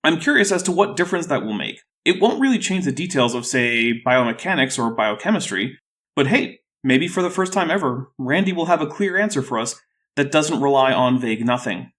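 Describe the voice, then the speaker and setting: A man's voice: medium pitch, expressive, brisk, a bit bright. A man with a thick, sore-throated voice hosting a scripted rebuttal video in a dry, skeptical way. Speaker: YouTube host.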